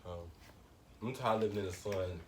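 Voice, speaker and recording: A man's voice: on the low side, a little fast. A man talking casually and colloquially while eating and chewing, in a mukbang question-and-answer chat. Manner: informal, colloquial. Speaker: mukbang co-host. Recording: slightly distant mic, noisy background.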